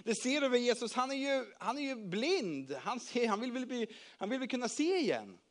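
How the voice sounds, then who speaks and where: Brief: bossy know-it-all disciple, voiced by a man, matter-of-fact, high, children's story. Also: very animated. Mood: impatient. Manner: matter-of-fact, slightly impatient. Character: Andreas, eager bossy male disciple.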